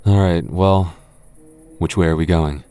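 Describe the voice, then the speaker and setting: This young man's low, warm, clear and resonant voice keeps fairly even intonation at a measured pace as he plays an anxious, easily frightened goth boyfriend who is still protective, in a roleplay audio drama. His halting, stammering, sighing delivery sounds nervous and exasperated.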